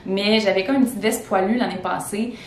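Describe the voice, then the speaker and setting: A woman's voice: steady tone, fairly quick. A young woman with a Québécois French accent, a teacher chatting casually through a clothing haul at home, full of fillers and restarts. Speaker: teacher vlogger. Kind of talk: casual fashion haul chat. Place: indoors at home. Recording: echoey room, far from the mic, faint rumble.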